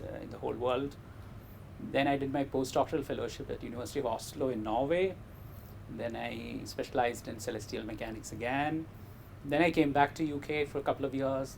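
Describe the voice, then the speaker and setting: A man with a polished, educated Indian accent speaks in a measured, modest way, as an interview guest would. His mid-pitched voice has a marked creak at the edges. There is faint noise behind him. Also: rough recording. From Kerala, India. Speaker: interview guest, meteor scientist. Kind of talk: interview answers, personal career story.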